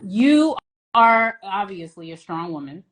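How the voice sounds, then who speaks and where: A woman's voice: mid-range voice, very animated, takes it slowly, poor audio. A woman hosting a casual interview, encouraging and affirming her guest. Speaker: interview host.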